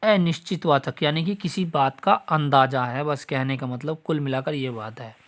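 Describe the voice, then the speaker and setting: A man's voice: mid-range voice, normal speed. A man teaching a Hindi grammar lesson for exam prep. He talks straight to his students, repeats the example sentences and checks that they follow.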